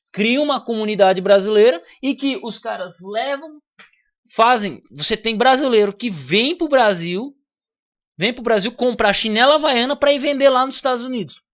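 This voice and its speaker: A Brazilian man with a Brazilian Portuguese accent hosts his channel with a casual opinion monologue, blunt and slangy, swearing freely. His voice is high-pitched with a fairly bright tone.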